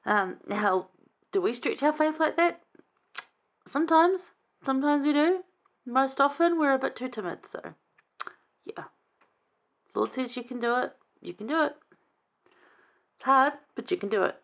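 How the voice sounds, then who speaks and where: A woman's voice: high-pitched, lively intonation, a little slow, gravelly, pauses often. A woman giving a casual, chatty scripture lesson, enthusiastic and conversational. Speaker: scripture study teacher.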